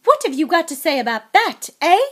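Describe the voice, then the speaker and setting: A woman voicing a furious middle-aged wife and mother in a storybook, shouting and scolding in sharp accusation. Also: extremely high pitch, sing-song, a little fast, pitched above the performer's own voice, full character voice. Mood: furious, challenging.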